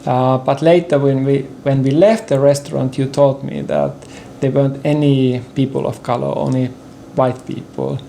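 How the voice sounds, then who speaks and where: An older man with a Finnish accent, a native Finnish speaker talking in English in a personal sofa conversation, halting and careful with many pauses and throat-clearings. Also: mid-range voice, steady tone, warm tone, slight background noise. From Finland. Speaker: interview guest, partner in conversation. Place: indoor living room with bookshelves.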